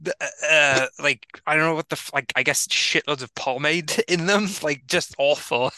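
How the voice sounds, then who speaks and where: A man's voice: a little high, moderate pace, sharp tone, clean tone. A man with a South Wales accent co-hosting a casual film-review podcast, rambling, swearing and laughing often. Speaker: podcast co-host.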